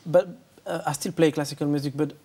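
Speaking quickly in a fairly high, mellow voice with fairly even intonation, a man in his thirties from Lebanon is interviewed as a musician guest. He fills his answers with fillers and restarts. A lapel microphone picks him up in a bright indoor room with large windows.

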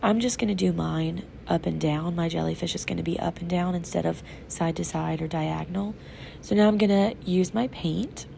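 Speaking at a normal pace in a fairly low, steady, creaky and dark voice, this woman art teacher walks young children through a painting demonstration as she paints. Though sick, stuffed up and sore in the throat, she stays patient and instructive. Her off-camera voice accompanies an overhead tabletop camera at a classroom table, with slight background noise.

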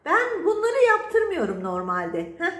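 A woman's voice: very high voice, huge pitch swings, a little slow, a bit bright, reverberant, faint music behind. A woman talking to her pet cats at home in a playful, teasing, scolding baby-talk voice. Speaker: cat vlogger. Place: home, indoors.

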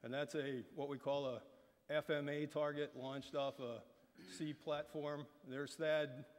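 A middle-aged man giving an informal, somewhat halting briefing as a military panelist at a conference podium. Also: fairly high pitch, little pitch movement. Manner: casual, halting with fillers and restarts. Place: large conference hall stage. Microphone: podium microphones. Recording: reverberant hall.

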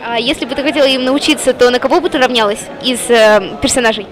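Working on location in a cinema foyer, a female TV reporter quickly fires off questions and presents in vox-pop style. She speaks fast with a highish voice, and a crowded, busy hall can be heard around her.

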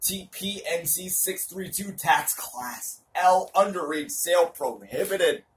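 A man's voice: high voice, animated, takes it slowly. A young man giving a mock dramatic reading in a theatrical, hammy stage-actor manner, mock-serious, recorded outdoors on a porch. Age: young adult. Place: covered porch outdoors at night. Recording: distant, noisy porch camera audio.

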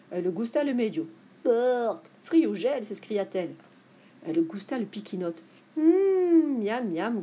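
A woman reading a playful children's picture book aloud for a library, with lively, expressive storytelling. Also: mid-range voice, breathy edge. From France.

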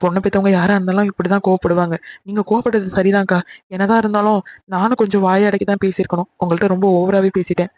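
A voice actor performs a bold younger aunt in an animated family drama. She talks quickly, pleading and reassuring by turns, in a mid-pitched voice. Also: no room sound, natural voice. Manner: coaxing and pleading. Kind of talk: Tamil cartoon voice acting.

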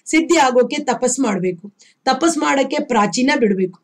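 A gentle young wandering ascetic, voiced by a woman reading aloud. He speaks in a calm, measured way, offering soothing counsel in a fairly high voice.

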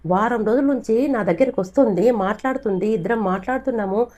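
A woman's voice: a little high, quick pace, mellow, voice pushed up, lightly acted. A woman voicing a frightened young man who pleads anxiously in a told story.

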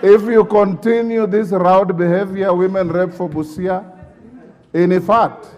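A middle-aged man presiding as parliamentary speaker tries to restore order over a chamber full of shouting, lecturing the members sternly. He speaks high with fairly even intonation at a measured pace, and the audio is dull.

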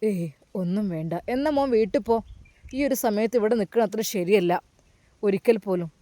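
A man's voice: high voice, normal speed, mellow, no room sound, close to an everyday voice. A woman doing a fussing old mosque caretaker. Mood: gentle coaxing. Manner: coaxing, repeats tender address, many questions. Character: kindly elderly male mosque caretaker, fussing and fatherly.

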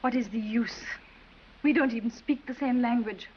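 A woman's voice: a little high, normal speed, lightly acted. A woman playing a proud English noblewoman, cool and reproachful toward her husband, in 1930s film acting. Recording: dull 1930s film soundtrack with faint hiss.

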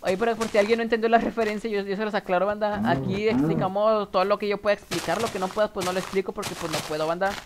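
Talking fast with barely a pause, a young man with a northern Mexican accent chats to viewers as he plays a game, rambling and letting out nervous giggles. His voice sits high and steady, with noise in the background.

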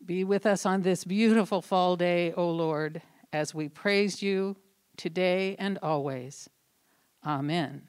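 A woman in her sixties leading church announcements and a gentle prayer in a sanctuary, speaking into a handheld mic. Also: fairly low pitch, takes it slowly, smooth. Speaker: worship leader. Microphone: handheld mic at a lectern.

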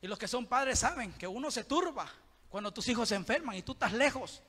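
A man preaching a fervent Pentecostal sermon in a church, shouting and constantly calling out to his brothers. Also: extremely high pitch, expressive, a little fast. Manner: fervent, shouting, keeps saying "mi hermano". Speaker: guest preacher. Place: church sanctuary. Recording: long hall reverb.

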